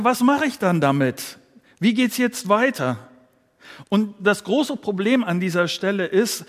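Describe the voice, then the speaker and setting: A man preaching a sermon, earnest, speaking directly to his listeners. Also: high-pitched. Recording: long hall reverb.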